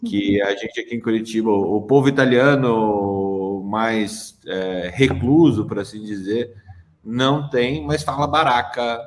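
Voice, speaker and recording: A man's voice: fairly low pitch, measured pace. A man hosting a podcast in a casual, chatty way, introducing guests and joking with them. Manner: chatty, lively, with laughs and restarts. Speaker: podcast host. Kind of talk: casual chat.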